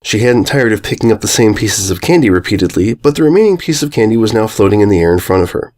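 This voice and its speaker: Narrating a piece of fan fiction, a man reads the scripted prose quickly in a mid-range voice. His pitch moves around a lot, making the delivery expressive and animated.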